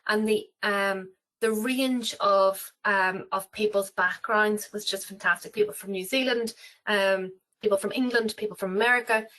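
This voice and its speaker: A woman's voice: medium pitch, fairly even intonation, moderate pace, pushed and bright, rough recording. A woman with an Irish accent, talking about cruises in a webinar interview, rambling with many fillers and restarts. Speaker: travel company representative.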